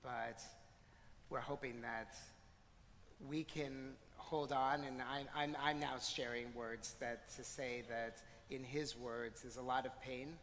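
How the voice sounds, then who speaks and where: Male clergy leading a service: bright, encouraging, heard in a reverberant hall. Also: medium pitch, fairly even intonation, slow pace, a little hiss or hum. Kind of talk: leading a congregation, switching between Hebrew and English. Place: large synagogue sanctuary. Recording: distant mic with long hall reverb.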